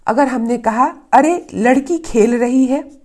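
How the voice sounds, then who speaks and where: A woman's voice: high voice, slow pace, darkish tone. A woman teaching Hindi grammar in a patient lesson, repeating her example sentences and stressing the key words. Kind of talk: explanatory lesson.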